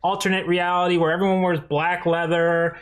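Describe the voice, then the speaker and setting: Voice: medium pitch, little pitch movement, fairly quick. A podcast host in a casual review chat, rambling and enthusiastic, with many fillers.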